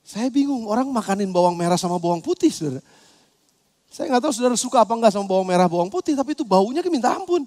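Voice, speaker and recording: A man pastor preaching a sermon, animated and acting out quoted voices, at times breaking into shouts. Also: high-pitched, quick pace. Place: church hall. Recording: long church hall reverb.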